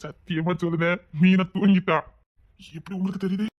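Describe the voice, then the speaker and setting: A woman voicing a gentle, gullible husband in a comedy skit, speaking with a Tirunelveli Tamil accent in a hesitant, worried way. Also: lowish voice, little pitch movement, fairly quick, dull audio, pitched below the performer's own voice, natural voice. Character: gullible, soft-spoken husband, a grown man.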